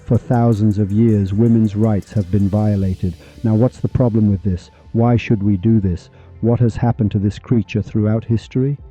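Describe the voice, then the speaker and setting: A man with a very dark, mellow voice hosts a monologue podcast with dramatic, repetitive storytelling and rhetorical questions. The recording sounds slightly dull and lo-fi. Faint music plays beneath him. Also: fairly low pitch, steady tone, normal speed, few pauses, husky. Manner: rhetorical, preachy, repeats for effect. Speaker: podcast host.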